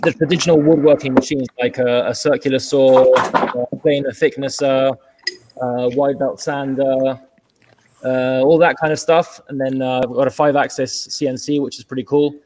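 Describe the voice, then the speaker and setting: A man with a British London accent, Spanish by birth, talking as a guest over a video call in a relaxed, hesitant way with wry humor. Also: medium pitch, normal speed, a little hiss or hum. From England. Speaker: guest, furniture maker. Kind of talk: casual video-call interview.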